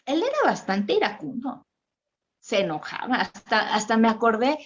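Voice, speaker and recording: A woman with a Mexican accent giving an informal Bible teaching at a women's meeting, chatty and expressive, acting out quotes with sudden high exclamations. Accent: Mexican Spanish. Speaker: speaker at a women's church meeting.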